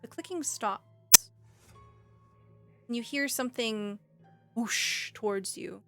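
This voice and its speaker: A woman's voice: on the high side, slow, fairly bright tone. Woman game master, descriptive, music behind. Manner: descriptive, suspenseful storytelling. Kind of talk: narrating a tabletop roleplaying game.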